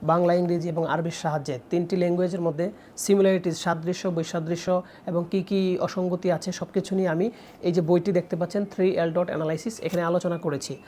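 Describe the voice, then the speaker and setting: A young woman presents her own book in a promotional talk, explaining step by step with frequent drawn-out pauses. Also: lowish voice, little pitch movement, warm tone, a little hiss or hum.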